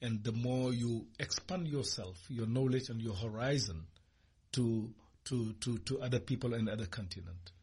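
A man from Senegal, a guest on a radio interview, speaking hesitantly with many pauses and restarts. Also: mid-range voice, a little mellow, breathy edge. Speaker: guest, cooperative leader. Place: radio studio.

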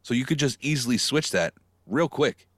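A man's voice: medium pitch, lively intonation, moderate pace, no room sound, studio quality. A man co-hosting a casual wrestling chat, talking through his predictions and now and then mimicking catchphrases. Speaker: podcast co-host.

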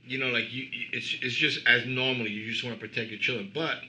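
A man's voice: mid-range voice, fairly even intonation, a little fast, bright, forceful tone, slight background noise, poor audio. A middle-aged man from Cuba, a band member guest, telling rambling stories in casual chat with lots of "you know".

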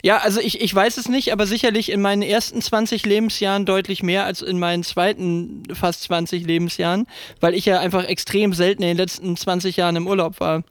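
A man in his thirties with a high voice talks through a casual podcast chat. He rambles, circles back and fills gaps with hesitations. The sound is dry and close, with no room in it. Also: little pitch movement, brisk, no room sound. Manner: rambling, many fillers and restarts. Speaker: podcast co-host.

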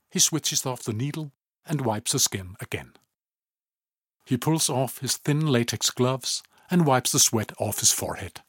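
A man reading a story aloud in calm, even scripted narration, often low and hushed. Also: slightly rough, dry recording, clean studio sound.

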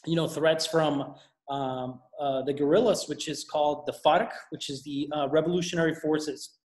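A young man from Colombia, a missionary guest in a casual interview. His voice sits a little high for a man and rings in an echoey room. He talks in a relaxed, rambling way, full of "uh" and "you know". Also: moderate pace. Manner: relaxed, rambling with frequent fillers.

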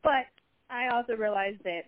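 A woman's voice: on the high side, moderate pace, no echo. A woman talking as a guest in a casual chat, rambling and chatty, with easy laughs. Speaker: fitness competitor guest. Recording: slightly dull, dry sound.

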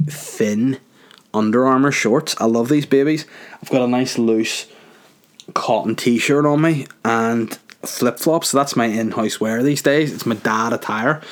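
A young man, hosting a solo podcast from his garage in a rambling, crude, jokey way. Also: mid-range voice. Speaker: podcast host.

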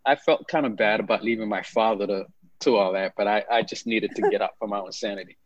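Relaxed and conversational, a man in his fifties originally from Haiti recounts his life as an interview guest, often repeating words. He talks quickly in a lowish voice with fairly even intonation, and the audio is dull with no echo.

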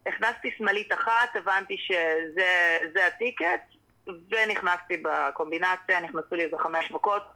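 A young woman, a professional fighter, talking animatedly as a guest in a casual interview. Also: poor audio. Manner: animated, drops into high acted-out quotes.

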